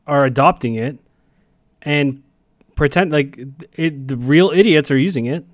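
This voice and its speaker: A man's voice: fairly high pitch, measured pace, no room sound. A man co-hosting a sports podcast, talking bluntly and mockingly in casual chat. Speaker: podcast co-host. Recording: dry close mic.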